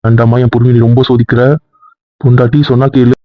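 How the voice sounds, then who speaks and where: Stubborn husband in a comedy skit, quick and raised; dry lo-fi sound. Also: male voice, mid-range voice, completely flat delivery, no room sound. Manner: insistent, stubborn, often raising his voice. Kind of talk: comic couple skit. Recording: dull lo-fi audio.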